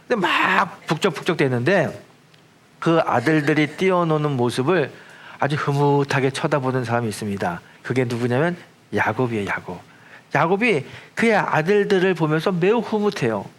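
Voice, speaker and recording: A man preaching from the pulpit, his voice sitting a bit higher than most men's. He tells the story like a storyteller, acting out the quoted lines with rising and falling emphasis. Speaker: senior pastor. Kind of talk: sermon. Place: church sanctuary.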